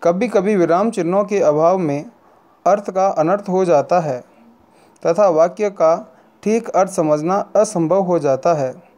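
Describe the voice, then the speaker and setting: A male teacher giving a grammar lesson in a slow, unhurried delivery. His voice sits a little higher than most men's. He is deliberate and often repeats or corrects a phrase before moving on. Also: darkish tone.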